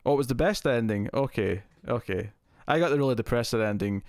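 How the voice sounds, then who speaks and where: A man hosting a casual live stream, chatting to viewers and thinking aloud, his voice heavily compressed to an even level on a close mic. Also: medium pitch, fairly quick, no room sound.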